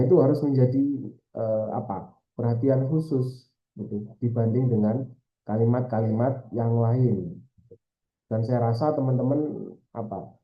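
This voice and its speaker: Hesitant Indonesian man tutoring, roomy sound. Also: mid-range voice. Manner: hesitant, many fillers and repeated tags. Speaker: Arabic language tutor. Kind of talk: informal exam-prep lesson. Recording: roomy, slightly dull sound.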